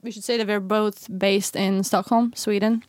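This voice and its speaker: A woman's voice: mid-range voice, level tone, normal speed, darkish tone, no room sound, clean studio sound. A young woman from Latvia co-hosting a podcast in casual chat, talkative and repeating her phrases. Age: young adult. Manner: chatty, laughing, repeats phrases. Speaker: podcast co-host.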